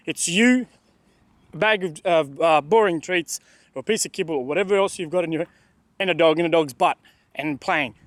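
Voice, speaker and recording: A man's voice: fairly high pitch, no echo. Emphatic man teaching dog training. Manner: emphatic, repeats points, acts out the dog's thoughts. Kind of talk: casual instructional talk. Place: outdoors at a dog park.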